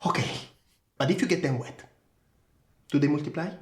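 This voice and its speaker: A young actor playing a blunt younger brother in a horror film, sarcastic and quick to swear. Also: male voice, a little high, darkish tone, reverberant, close to an everyday voice. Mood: joking. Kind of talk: film acting.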